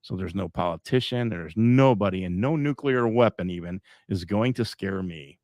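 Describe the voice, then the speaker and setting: A man's voice: deep voice, lively intonation, moderate pace, darkish tone, dry recording, studio quality. A middle-aged man hosting a live podcast, talking in a rambling, emphatic way with frequent chuckles. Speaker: podcast host.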